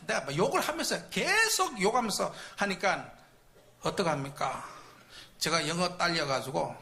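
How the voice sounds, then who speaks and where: A man preaching in a church, telling a story with loud acted-out outbursts. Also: high-pitched, vocal fry. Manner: animated storytelling with shouted reenactments. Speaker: preacher at a Friday night service. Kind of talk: storytelling sermon testimony. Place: church sanctuary.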